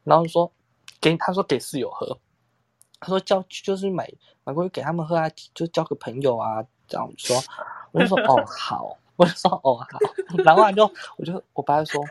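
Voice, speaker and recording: A man's voice: a little high, animated, brisk, creaky, breathy edge, no echo. A young man, telling a long story in casual chat as podcast co-host, rambling and acting out quotes with frequent laughs.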